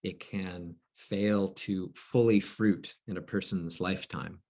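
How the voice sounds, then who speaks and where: A man hosts the discussion with a low, husky voice. He speaks very slowly and haltingly, searching for words as he frames his questions. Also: fairly even intonation, a little mellow. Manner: halting, many fillers, thoughtful questions. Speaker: host. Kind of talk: moderating a roundtable.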